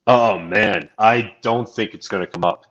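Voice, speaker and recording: A man co-hosting a podcast in casual chat, laid-back and quick to laugh along. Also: lowish voice, fairly bright tone, lo-fi sound. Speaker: podcast co-host.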